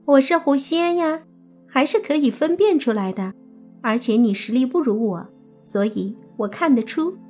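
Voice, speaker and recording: A woman's voice: sits high, animated, normal speed, a little mellow, soft background music, pitched above the performer's own voice. A woman voicing a playful, cute young female fox spirit in a coy, sweet, bubbly way. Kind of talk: audiobook character voice.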